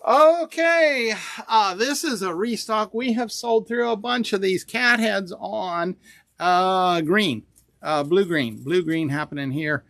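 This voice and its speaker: Recorded by a small camera set on a table inside a fabric store, a man in his sixties co-hosts a casual showcase, rambling about each bolt with plenty of fillers and cheerful price calls. He speaks slowly in a high, creaky, fairly bright voice, and there's no echo among the shelves.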